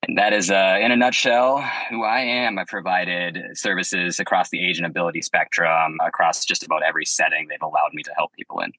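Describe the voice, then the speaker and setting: A man from Minnesota, a behavior analyst, introducing himself in a brisk, lightly jokey way. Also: low voice, little pitch movement, bright, forceful tone, no echo, poor audio. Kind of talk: self-introduction.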